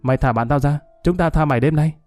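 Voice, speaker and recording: A man's voice: on the high side, fast, darkish tone, no echo, faint music behind, close to an everyday voice. A man voicing a swaggering young street thug who threatens a hostage with showy, flowery talk. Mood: menacing, mocking. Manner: menacing, showy, theatrical.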